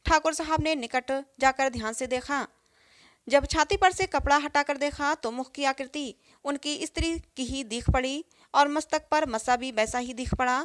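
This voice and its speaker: A woman reading a classic story aloud in a steady, measured storybook manner. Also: high voice, no echo.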